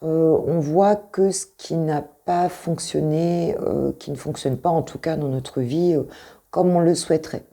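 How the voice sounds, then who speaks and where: Low, mellow-voiced French woman reading tarot. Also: steady tone, measured pace, gravelly. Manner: hesitant, many fillers, repeats her points. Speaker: intuitive coach reading tarot. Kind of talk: casual tarot reading vlog.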